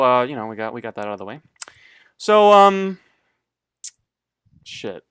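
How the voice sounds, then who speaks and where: A man's voice: mid-range voice, a bit bright, clean tone, no room sound. A young man co-hosting a casual podcast, rambling and hesitant with lots of fillers and swearing. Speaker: podcast co-host.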